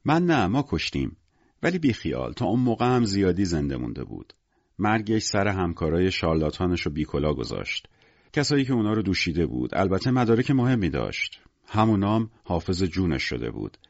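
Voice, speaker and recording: A man's voice: sits low, very animated, dry recording, lo-fi sound, full character voice. A man voicing a weary, menacing gangster in an audiobook, curt and cynical in everyday speech. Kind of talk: audiobook character voice.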